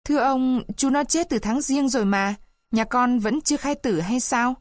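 A woman's voice: high-pitched, normal speed, no room sound, studio quality, pitched above the performer's own voice, close to an everyday voice. A woman voicing a poor peasant wife who pleads and weeps, in a storybook reading. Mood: pleading. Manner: pleading, weeping.

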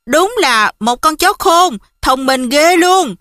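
A woman's voice: a little high, expressive, normal speed, pushed and bright, dry recording, studio quality. A woman voicing a fond woman school principal who coos over a dog. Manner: cooing, affectionate.

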